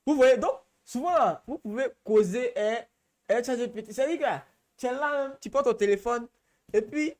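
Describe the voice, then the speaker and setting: A man with an Ivorian French accent leads a live training session, chatting loosely with lots of repetition and local slang. His voice sits high for a man. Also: moderate pace, a little mellow. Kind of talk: live workshop Q&A.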